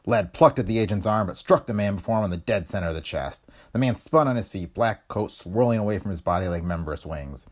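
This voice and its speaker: A male narrator reading an old pulp thriller aloud, vivid and expressive. His voice sits low with a husky grain, and his pitch swings widely as the action builds. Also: fast talker, few pauses. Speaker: narrator of pulp fiction podcast. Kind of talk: dramatic audiobook narration.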